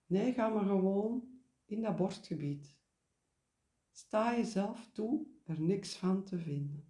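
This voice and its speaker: A man guiding a meditation in a gentle, deliberate way, pausing and repeating key words. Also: sits high, animated, echoey room. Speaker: meditation guide. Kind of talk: guided meditation, spoken reflection.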